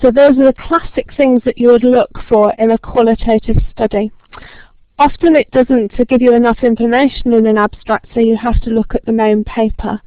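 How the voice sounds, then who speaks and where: A woman who talks quickly, with frequent ums, presents a lecture-style webinar and welcomes a large online audience. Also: fairly high pitch, fairly even intonation, dry recording. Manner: fast-talking, friendly, many ums. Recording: tinny phone-line sound, dry.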